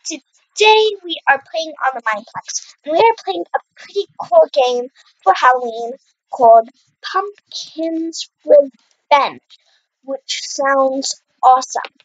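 A young woman hosting a gaming channel narrates her own Minecraft let's play in a high voice with lively intonation and a slow pace. She's chatty, exclaims at what happens on screen, coughs slightly and clears her throat. The audio sounds dull.

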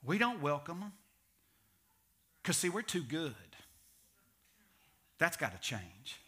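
A middle-aged pastor gives an animated sermon on a church stage in a slightly high, breathy voice, taking his time. He shifts between loud emphasis and hushed asides.

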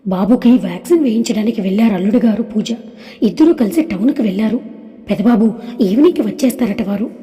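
A woman voicing a soft-spoken, attentive middle-aged aunt in an audio story, with a gentle, sweet manner. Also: mid-range voice, fast, lightly acted. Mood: kind. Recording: long hall reverb.

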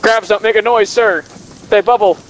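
Man playing a high-voiced, deadpan, dutiful soldier. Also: normal speed, lightly acted. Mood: deadpan, reluctant. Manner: deadpan, clipped, ending lines with "sir". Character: dutiful, deadpan male soldier answering his sergeant. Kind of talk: improvised in-game role-play over voice chat. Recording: game voice chat over faint battle noise.

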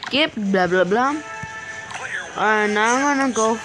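A young-sounding female-pitched gamer giving casual, excitable gameplay commentary, with difficulty saying R sounds. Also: measured pace, low-quality recording. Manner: excitable, exclaims and mutters to self. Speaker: gaming video maker. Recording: game music behind the voice. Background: game music.

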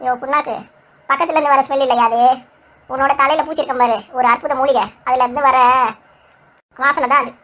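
A woman playing a sharp-tongued, mocking older in-law. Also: high voice, fairly even intonation, fairly quick, pauses often. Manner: sarcastic, bossy, teasing. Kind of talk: cartoon voice acting.

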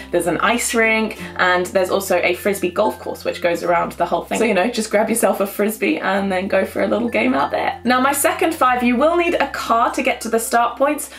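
Upbeat chatty young woman vlogger. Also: on the high side. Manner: upbeat, chatty, enthusiastic recommendations. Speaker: travel vlogger. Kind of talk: casual to-camera travel tips. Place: small bedroom indoors.

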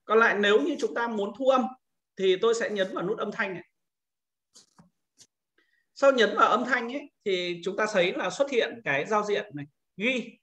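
A man giving a patient, step-by-step screen-recorded software tutorial to teachers, explaining each click as he goes. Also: sits high, animated, moderate pace, long pauses. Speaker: teacher trainer.

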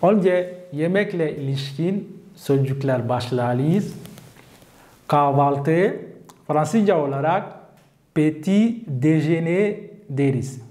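Slow, deliberate male language teacher. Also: medium pitch, dark tone. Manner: slow, deliberate, repeats each word twice. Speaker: French teacher. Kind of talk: vocabulary lesson.

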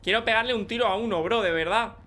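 A young man with a Spanish accent from Spain, commenting excitedly on his online game and joking with teammates. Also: sits high, fast, a little hiss or hum. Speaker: gaming YouTuber. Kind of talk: live gameplay commentary.

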